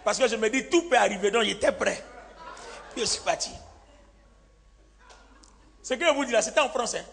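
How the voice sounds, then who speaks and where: A man preaching with a bright, tense, high voice that has a gravelly edge. He tells his story as a sermon and acts out the other people's words. A long hall echo trails after him, with faint music underneath. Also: normal speed, long pauses. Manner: animated, acts out quoted lines, laughs often. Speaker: pastor.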